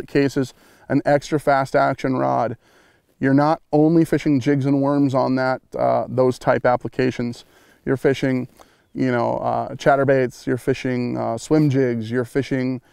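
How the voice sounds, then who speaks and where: A man's voice: medium pitch, vocal fry, a little mellow, clean tone, no room sound. A middle-aged man, a tackle brand manager, explaining fishing rod features outdoors by a lake in a casual, explanatory way with lots of fillers. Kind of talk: product demonstration.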